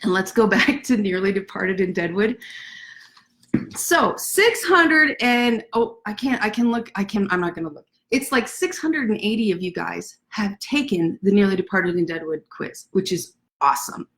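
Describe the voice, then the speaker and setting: A woman author hosting a casual livestream from her desk, chatty and self-deprecating, talking fast. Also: mid-range voice, expressive, fairly bright tone. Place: at a desk indoors.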